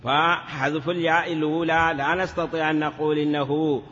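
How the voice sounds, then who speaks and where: A man's voice: fairly high pitch, flat delivery, fairly quick, fairly bright tone, big-room sound, lo-fi sound, a little hiss or hum. A man teaching a grammar lesson in a classroom, asking questions and answering them himself, sometimes drawing words out in a chanting lilt. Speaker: teacher of Arabic morphology. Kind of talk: classroom lecture.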